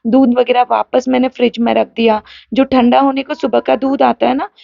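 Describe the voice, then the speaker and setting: A woman's voice: a little high, flat delivery, normal speed, creaky, dull audio. A young woman talking casually through a home vlog, chatty and rambling as she explains her day. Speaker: vlogger.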